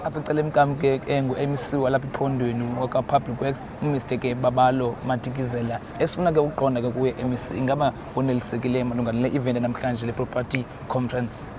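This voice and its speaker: A man's voice: mid-range voice, little pitch movement, quick pace, few pauses. A South African man with a Xhosa accent conducting an on-site news interview as the reporter. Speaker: event interviewer. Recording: noisy outdoor crowd and traffic.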